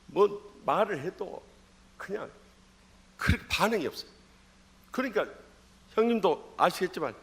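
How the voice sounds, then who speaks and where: Animated, bright-voiced Korean pastor preaching. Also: male voice. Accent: Jeolla Korean. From Jeolla, South Korea. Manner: animated storytelling, shifting from loud calls to low asides. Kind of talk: sermon. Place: church sanctuary.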